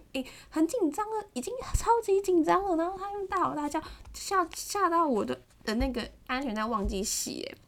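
Animated high-voiced young woman storyteller. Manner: animated, mimics a shouting partner, many fillers. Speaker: podcast host. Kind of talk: casual storytelling.

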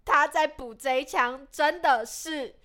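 A young woman with a Taiwanese Mandarin accent, co-hosting a casual podcast chat, reacting to her friend's story with teasing questions and quick laughs. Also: sits high, fairly bright tone. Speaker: podcast co-host.

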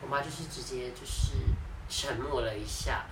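A woman's voice: a bass voice, normal speed. A young woman, telling a story in casual podcast chat with lots of laughter. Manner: animated storytelling, laughs often. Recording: echoey room, distant mic, background noise.

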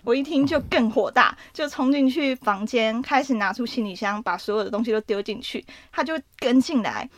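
A young woman with a Taiwanese Mandarin accent, co-hosting a podcast and recounting a dream in a casual, animated way that often breaks into laughter. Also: a little high, a little fast, few pauses, no echo. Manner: animated, laughs often while telling a story. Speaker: podcast co-host. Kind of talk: casual storytelling chat.

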